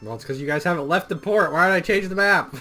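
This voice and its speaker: A man's voice: sits high, fairly quick, sharp tone, faint music behind. Laid-back male game master. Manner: casual, laid-back joking. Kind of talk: narrating a tabletop game.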